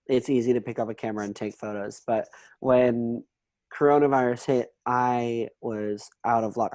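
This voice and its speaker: A man's voice: mid-range voice, darkish tone, dry recording, low-quality recording. A young man from Hong Kong, a photographer, answering interview questions in a loose, rambling way with many ums.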